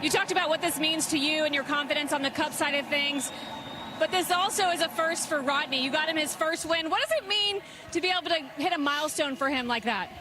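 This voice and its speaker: A woman reporter asking a race winner brisk, clear interview questions. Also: high voice. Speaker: pit reporter. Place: outdoors at a racetrack. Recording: noisy outdoor track interview.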